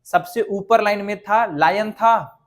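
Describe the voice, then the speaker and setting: A man teaches an exam revision lesson. His voice sits fairly high for a man. He drills the class by repeating lists aloud and quizzing them as he goes. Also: slow pace.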